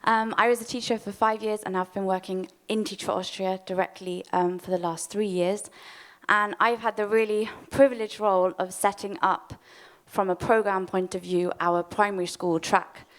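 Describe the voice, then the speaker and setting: A woman's voice: mid-range voice, fairly even intonation, normal speed. A British woman with a slight German tinge to her accent, out of breath, giving a friendly conference talk with fillers. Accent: British English with a German tinge. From Britain. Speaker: program lead.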